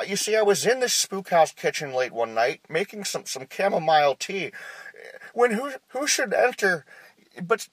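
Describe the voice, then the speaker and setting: A man's voice: high-pitched, no room sound, heavily acted, rough recording. A man voicing a nervous, quirky male publisher who rambles and stammers through a phone voicemail message. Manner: hesitant, stammering, full of uh's, oddly deadpan rambling. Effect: played back as a phone voicemail message.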